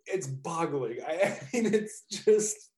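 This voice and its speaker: A man's voice: on the high side, animated, slow pace, a little mellow. A man co-hosting a casual chat about a movie, rambling and laughing often, swearing casually. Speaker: podcast co-host. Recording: echoey room.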